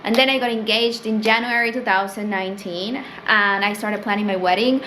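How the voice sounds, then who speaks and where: A young Peruvian woman whose first language is Spanish talks casually to camera about her small business, speaking with a Peruvian Spanish accent and plenty of "like" and "um." Her mid-range voice is brisk and sharp with fairly even intonation, rising for quoted thoughts. She's in a small indoor room with a shelf of tea stock, and the rough recording carries a little hiss or hum.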